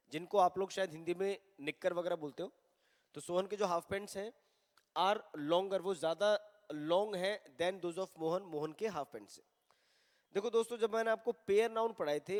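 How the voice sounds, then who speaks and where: High-voiced man teaching grammar. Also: in a large hall. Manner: mixes Hindi and English, reads examples slowly. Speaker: English teacher. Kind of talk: recorded online grammar lesson.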